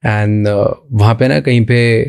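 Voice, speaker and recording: A man's voice: fairly low pitch, fairly even intonation, takes it slowly, vocal fry, clean tone. Young male podcast host asking questions. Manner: mixes English phrases into his questions, quiet backchannels. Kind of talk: interview questions in conversation.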